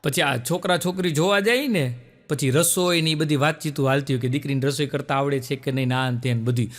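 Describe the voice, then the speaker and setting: A man telling jokes on stage, quick rural punchlines, jumping in pitch for the characters he quotes. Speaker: stand-up joke teller. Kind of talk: comic storytelling.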